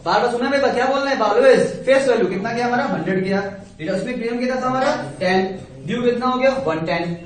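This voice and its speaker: High-voiced man teaching in an echoey room. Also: fast, recorded from a distance. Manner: repeats key terms, quizzes students, reassuring. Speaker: commerce teacher. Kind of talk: classroom lecture. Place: classroom.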